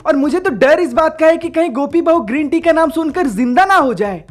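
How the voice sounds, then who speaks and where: A woman with a fairly high voice delivers scripted comic roast commentary. She is sarcastic and exasperated, tossing in crude slang as she goes. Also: expressive, brisk, faint music behind. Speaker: roast video host.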